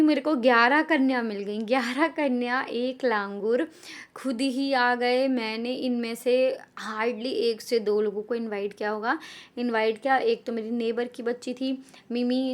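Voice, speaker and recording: Chatty woman vlogger, fairly high voice. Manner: chatty, mixes English words into Hindi. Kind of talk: casual chat to camera.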